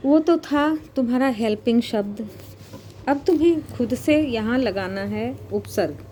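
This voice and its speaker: A woman teacher giving a grammar lesson, slowly spelling out words piece by piece and repeating them for her students. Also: on the high side, expressive, warm tone, a little hiss or hum. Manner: slow, spelling out words syllable by syllable.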